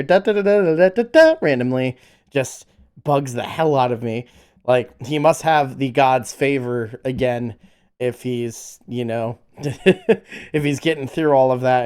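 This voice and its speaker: Male streamer, clear smooth voice, casual reaction chat, exclamatory, stammering repeats. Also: mid-range voice, darkish tone.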